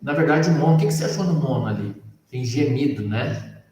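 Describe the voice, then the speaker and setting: A man's voice: mid-range voice, lively intonation, fairly quick, darkish tone, slight background noise. A man with a Brazilian Portuguese accent teaching English one-on-one. He explains patiently and keeps checking that his student understands. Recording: echoey room, mic at a distance.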